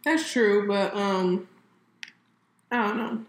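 A woman from California co-hosting a casual chat, chatty and quick to laugh, talking to viewers as y'all. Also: medium pitch. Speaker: co-host. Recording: echoey room with faint ambient noise.

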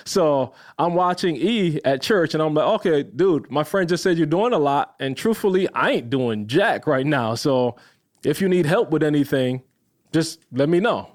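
A man's voice: on the high side, animated, normal speed. A man from Barbados, a podcast guest, telling his story casually and acting out the voices in it.

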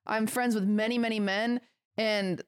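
A woman's voice: mid-range voice, steady tone, normal speed. A young adult woman chatting casually and telling stories in a gossipy way, acting out the dialogue as she goes. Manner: gossipy, acts out quoted dialogue. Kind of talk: casual chat, animated storytelling.

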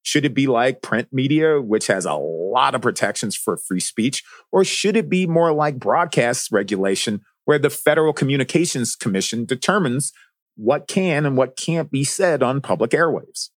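A man's voice: medium pitch, lively intonation, moderate pace, no room sound, studio quality. A man narrating a scripted podcast as its host. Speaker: guest host.

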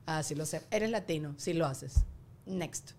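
A woman hosting a podcast, telling lively stories in casual chat, laughing often and swearing casually. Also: low voice, measured pace. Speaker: podcast host.

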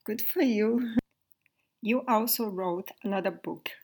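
A woman's voice: medium pitch, unhurried, darkish tone. A woman hosting a podcast interview, asking friendly, encouraging questions. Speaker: podcast host.

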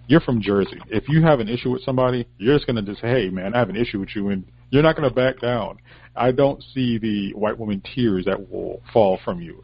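A man in casual discussion, arguing his points in a measured, deliberate way. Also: fairly low pitch, breathy edge, dry recording. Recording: dry, dull lo-fi recording.

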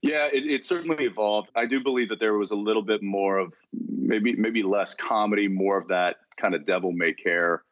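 A man from Texas, an actor being interviewed, talking in a relaxed, rambling way with frequent restarts. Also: lowish voice, normal speed, hardly any pauses, no echo, highs cut off. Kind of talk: casual interview conversation.

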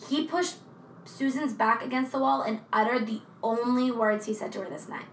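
Casual true crime co-host, woman, gravelly voice pitched a bit high, roomy echo. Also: moderate pace, distant mic, a little hiss or hum. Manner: chatty, profane, animated asides. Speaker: podcast co-host.

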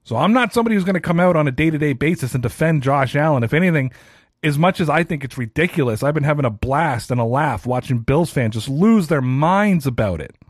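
A man in his thirties hosts a solo sports podcast, ranting casually with a self-deprecating streak. His voice sits on the high side, with lively intonation and a quick pace. The recording is dry and clean, with studio sound.

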